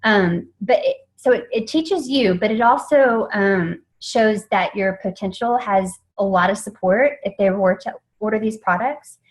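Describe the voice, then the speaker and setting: A young woman talking her team through a training session. Her pitch sits right in the middle range, and she keeps an eager, chatty flow full of ums and restarts, like she's talking to friends rather than lecturing. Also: unhurried, poor audio. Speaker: network marketing team trainer. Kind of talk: informal training talk.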